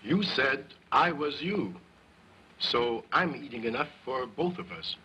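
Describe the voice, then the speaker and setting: An actor playing a stern, proud ventriloquist who scolds in a commanding way, in early sound film acting. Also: male voice, mid-range voice, lively intonation, measured pace, bright, forceful tone, slight background noise, rough recording.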